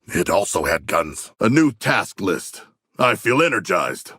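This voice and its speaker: A man voicing a huge, earnest shark-man warrior in a video game, gravelly and husky, with stilted, grandiose, literal diction. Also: low voice, very animated, measured pace, sharp tone, dry recording, clean studio sound, full character voice. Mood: earnest, deadpan. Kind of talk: video game character voice lines.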